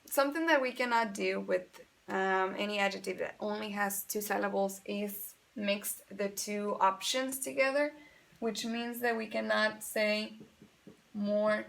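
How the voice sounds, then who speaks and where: Gravelly-voiced woman teaching grammar. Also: mid-range voice, a bit bright. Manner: patient, explains step by step, repeats examples; switches between Spanish and English. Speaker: English teacher. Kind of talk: bilingual grammar lesson.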